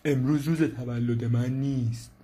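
A man voicing a grumpy, stubborn bear in a children's storybook, gruff and curt. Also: mid-range voice, fairly even intonation, dark tone, close to an everyday voice. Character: grumpy bear who hates birthdays. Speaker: co-reader.

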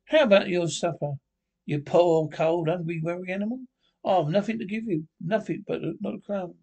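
A man voices a timid, downcast mole in a storybook reading. The voice stays near the reader's own, mournful and moaning, with a gravelly, raised-pitch texture. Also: little pitch movement, normal speed, darkish tone, highs cut off. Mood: despairing. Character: timid, gloomy male mole.

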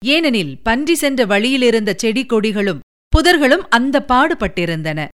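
A woman narrating an audiobook of a historical novel in an even, measured storytelling manner. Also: on the high side, smooth.

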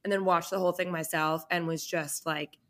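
With a fairly low pitch and fairly even intonation, this woman talks a little fast. She's in her twenties, from Boston, and co-hosts a podcast, keeping the casual chat upbeat and sprinkled with lots of "like."

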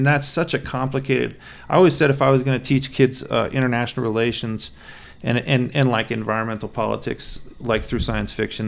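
A man's voice: mid-range voice, gravelly. A man co-hosting a podcast in casual chat, rambling with many restarts and casual swearing. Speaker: podcast co-host.

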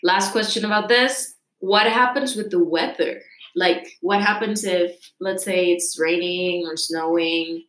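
A woman's voice: on the low side, unhurried, few pauses, a bit bright. A young woman from Rica, hosting a casual interview and asking chatty, curious questions. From Costa Rica. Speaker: host. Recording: echoey room.

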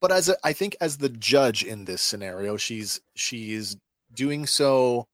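A man co-hosting a podcast, reading a scripted episode recap with lively stresses and then chatting casually. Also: medium pitch, a little slow, no room sound, clean studio sound. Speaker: podcast co-host.

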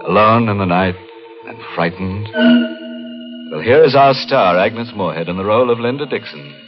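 A man's voice: fairly low pitch, lively intonation, natural voice. Sly creepy horror host guy doing old radio drama, swoopy mocking delivery, muffled sound with music. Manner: mocking, theatrical, drawn-out delivery. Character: sly, gleeful male horror host with morbid jokes. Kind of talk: 1940s radio acting.

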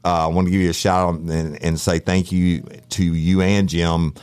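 Male podcast co-host, deep register, boisterous and jokey, completely natural unscripted talk. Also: flat delivery, moderate pace, darkish tone, clear, resonant tone. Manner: boisterous, joking banter. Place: podcast studio.

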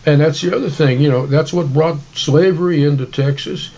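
Folksy man, slightly high voice, dull sound. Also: fairly quick, mellow. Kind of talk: casual history discussion.

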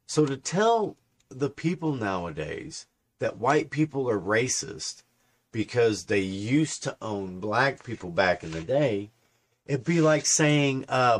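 A man in his fifties with a lively, swinging voice, co-hosting a casual talk. He is sarcastic and quick to mock, and he uses his normal middle pitch. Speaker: podcast co-host. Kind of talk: casual opinion chat.

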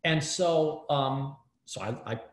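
A man, a guest in an interview, telling a story in an animated way with many fillers and restarts over a video call. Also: medium pitch, slow pace. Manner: excitable, lots of fillers and restarts. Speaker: guest, startup hardware builder. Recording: roomy echo.

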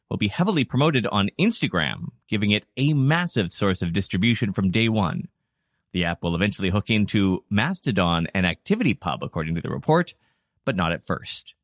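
A man's voice: fairly low pitch, dry recording, studio quality. A man hosting a news podcast, delivering scripted reports and casual asides as a presenter.

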